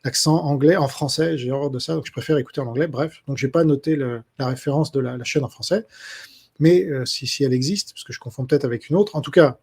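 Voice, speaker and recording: A man's voice: medium pitch, fast talker, darkish tone, slightly rough. A man answering his subscribers' questions in a casual spoken monologue, hesitant and full of fillers and restarts.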